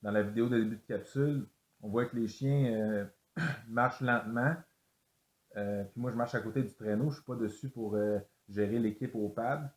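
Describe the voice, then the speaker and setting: A man's voice: fairly low pitch, normal speed, roomy sound. A man explaining a sled dog exercise, hesitant with many fillers and restarts. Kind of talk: instructional explanation.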